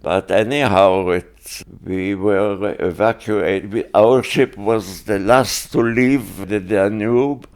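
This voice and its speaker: An older man giving oral history testimony, speaking haltingly with many pauses and restarts. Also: lowish voice, fairly even intonation, darkish tone, clean tone. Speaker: interviewee.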